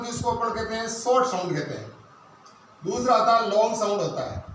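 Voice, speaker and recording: A man's voice: high-pitched, slight background noise. A male teacher giving a grammar lesson. He explains step by step and asks and answers his own questions. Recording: very echoey room, voice from a distance.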